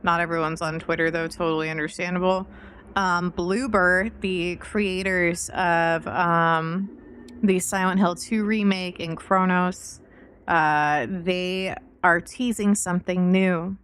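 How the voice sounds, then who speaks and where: A woman livestreamer chatting casually with her viewers, relaxed and informal, swearing now and then. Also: on the low side, takes it slowly, a little hiss or hum. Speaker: livestreamer and VTuber.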